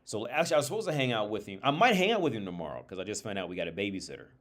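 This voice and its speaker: Alone on his livestream, a lowish-voiced host rambles informally through anecdotes as though thinking out loud, his tone a bit bright. He's very animated and rapid-fire, swearing often and frequently restarting or repeating a phrase before carrying on.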